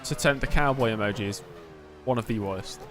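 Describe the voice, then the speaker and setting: A man's voice: fairly low pitch, a little fast, noisy background. A man live-streaming a game, giving casual commentary, replying to chat and muttering to himself.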